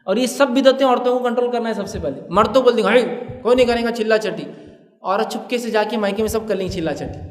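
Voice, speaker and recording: Male preacher, conversational sermon, high voice, roomy hall with long reverb. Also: hardly any pauses. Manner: conversational, rhetorical questions, acts out dialogue. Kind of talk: Urdu sermon lecture.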